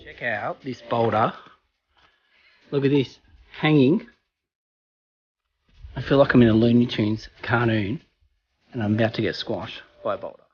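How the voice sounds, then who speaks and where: A man hosting a casual travel vlog outdoors, chatty and excitable, out of breath from climbing. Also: mid-range voice, a little slow, pauses often, husky, lo-fi sound. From Australia. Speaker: travel vlogger. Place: outdoors on a rocky hill. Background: music.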